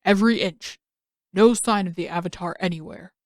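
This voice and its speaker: A woman's voice: on the low side, normal speed, no echo, lightly acted. A helmeted male soldier reporting in a muffled, matter-of-fact voice, as a woman reader puts him on. The delivery stays plain and close, with no room around it. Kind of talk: fan audiobook reading.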